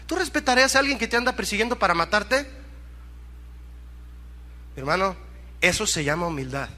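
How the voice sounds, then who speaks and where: A man's voice: high-pitched, expressive, moderate pace, bright, forceful tone, long reverb tail. A man preaching a sermon who reads scripture aloud, acts out the characters' lines and has the congregation repeat his words. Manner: asks the congregation to repeat after him.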